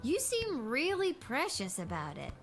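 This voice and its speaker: A woman's voice: high-pitched, wildly swooping pitch, measured pace, heavy background noise, exaggerated voice. A woman playing an eager, plucky twelve-year-old child guard in a video game. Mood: cheeky. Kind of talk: video game character acting.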